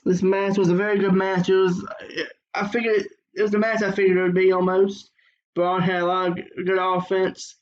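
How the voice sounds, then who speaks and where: A man's voice: sits high, monotone, normal speed, muffled recording. A man giving a casual, rambling review of a wrestling show, full of fillers and restarts.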